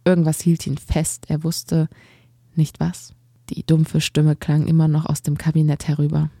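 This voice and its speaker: Low, gravelly woman reading a story. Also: little pitch movement, moderate pace, mellow, no echo, clean studio sound. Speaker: audiobook narrator. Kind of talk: scripted storybook narration.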